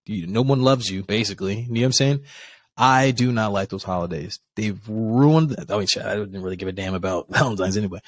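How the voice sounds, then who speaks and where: A man co-hosting a podcast in casual chat, telling stories with lively, acted-out dialogue and casual swearing. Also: medium pitch, dry recording. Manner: animated storytelling, acts out quoted dialogue, swears casually. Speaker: podcast co-host.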